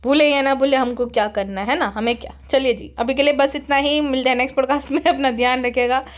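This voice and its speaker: A woman hosts a casual gossip podcast with a high-pitched voice. She talks chattily and makes teasing, mocking asides as she comments. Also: fairly even intonation, quick pace. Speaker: podcast host.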